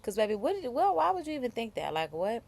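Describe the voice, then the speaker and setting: An American woman hosting a casual live stream, reading viewer comments aloud and reacting with animated remarks. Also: fairly high pitch, quick pace, creaky. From United States.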